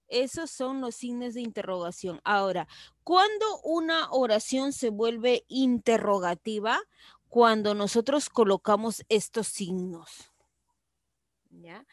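A woman teacher, giving a virtual class to children slowly and patiently, repeating key points. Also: on the high side, no echo.

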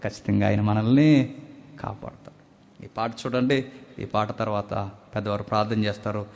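A man preaching a sermon at a church service, swinging between loud emphatic bursts and hushed, near-whispered lines. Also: fairly low pitch, level tone, normal speed. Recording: long hall reverb.

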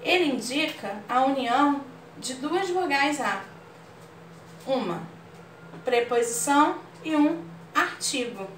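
A woman's voice: high-pitched, lively intonation, slow pace, pauses often. A woman teacher with a Brazilian Portuguese accent, explaining a grammar lesson patiently and checking understanding often. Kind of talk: online class lesson. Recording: roomy far-off mic with faint room noise.

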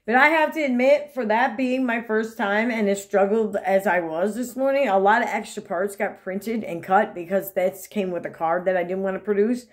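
A woman's voice: mid-range voice, moderate pace, few pauses. Chatty woman vlogging crafts. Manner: chatty, self-deprecating, rambling with many restarts. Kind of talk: casual talk to camera.

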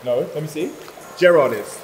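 A young London man with a highish, swooping voice banters casually in teasing slang. The sound rings around an echoey indoor pool, with music clearly playing behind him. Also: animated, moderate pace. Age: 20s. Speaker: quiz challenge contestant. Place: large tiled indoor pool room, in a tub of water.

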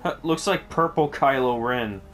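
A man doing casual, jokey let's play commentary, reacting out loud to a video game. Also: medium pitch, a little slow. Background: video game audio and music.

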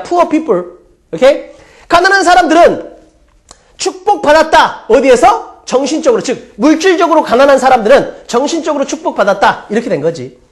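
A woman lectures on grammar with a high voice that swings up and down a lot. She explains each example step by step, keeps asking rhetorical questions, and drops in chatty side remarks. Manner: casual, chatty asides. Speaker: English teacher.

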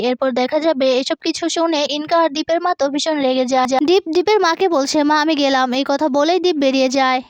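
A woman narrating a serial plot recap, retelling each character's lines in a single steady narrating voice. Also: high-pitched, dry recording, clean studio sound.

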